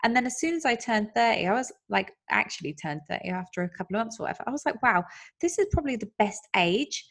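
A woman's voice: on the high side, sing-song, quick pace, fairly bright tone. A woman in her thirties talks through life and happiness in an easy, chatty way. She speaks earnestly and laughs often as she goes. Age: 30s. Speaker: podcast host. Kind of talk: casual chat.

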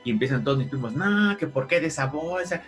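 Young Mexican man, lively storyteller, faint music under the voice. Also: fast. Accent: Mexican Spanish. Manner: animated, jumps high when quoting relatives. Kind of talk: casual storytelling chat.

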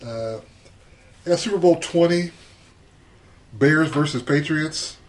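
A man co-hosting a casual sports podcast, relaxed and hesitant with many filler sounds as he runs through a list. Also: on the high side, slow pace. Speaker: podcast co-host.

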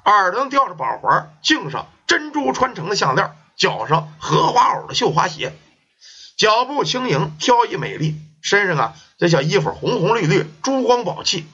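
A man telling a folk ghost story in a lively, colloquial storytelling manner. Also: high-pitched, moderate pace, few pauses, slightly rough. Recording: dull lo-fi recording.

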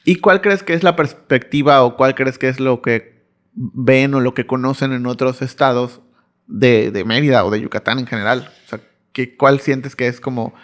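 A man's voice: medium pitch, steady tone, moderate pace. A man interviewing a guest in casual chat, giving many short affirmations and asking long, rambling questions.

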